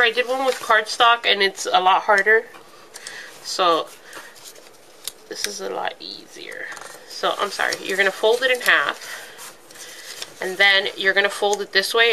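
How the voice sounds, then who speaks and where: A craft video host with a stuffy, congested voice from a cold chats casually through a step-by-step tutorial, saying um a lot as she works with her hands. Her medium-pitched voice sounds pushed and bright, and the rough recording has slight background noise.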